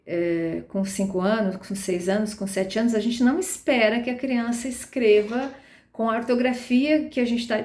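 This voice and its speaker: A woman's voice: a little high, a little mellow. Woman, patient lecturer, explains step by step with tag questions, recorded in a roomy space. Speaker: literacy teacher trainer.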